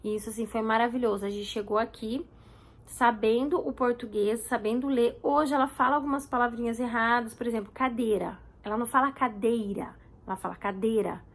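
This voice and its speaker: Brazilian woman vlogging, chatty, fairly high voice, repeats herself for emphasis. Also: fairly even intonation, a little fast. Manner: chatty, repeats words for emphasis, acts out quotes. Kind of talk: casual chat to camera.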